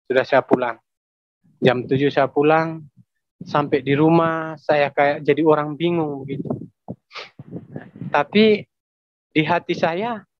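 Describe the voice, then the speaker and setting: A man with a Papuan Indonesian accent tells a personal testimony in broken, halting phrases, circling back on his words and politely addressing the listener. His voice sits high for a man. The sound is close, dry and slightly dull. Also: no echo. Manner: halting, repeats phrases, adds "Pak" often. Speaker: testimony giver.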